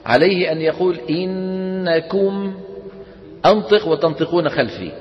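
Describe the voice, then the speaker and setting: A man teaching a tajweed lesson to a class, explaining and then demonstrating slow, drawn-out recitation. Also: a little high. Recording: dull echoey lecture hall recording.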